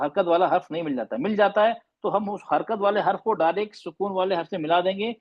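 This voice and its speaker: Teaching a class, a man with a fairly high voice mixes Hindi with English terms, patiently asking questions and repeating his points. The classroom lesson is recorded with a muffled sound.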